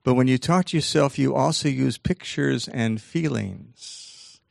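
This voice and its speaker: Animated older man with a gravelly voice. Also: no room sound, clean studio sound. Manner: animated, acts out quoted voices with big jumps in pitch; slows down to stress key points. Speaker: speaker giving a talk on self-talk. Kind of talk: lively motivational talk.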